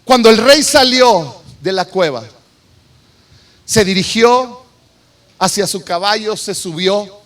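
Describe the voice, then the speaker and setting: A man preaching, retelling a Bible story with animated, acted-out quotes. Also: high-pitched, slow, long pauses. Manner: animated, acts out scenes with shouted quotes. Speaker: pastor. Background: soft piano.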